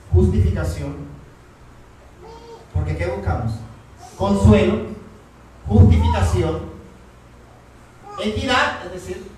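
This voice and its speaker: A man's voice: on the high side, a little mellow, a little hiss or hum. A man preaching a sermon as a pastor, often asking his listeners rhetorical questions. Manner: asks the congregation rhetorical questions. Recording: echoey church hall from far off.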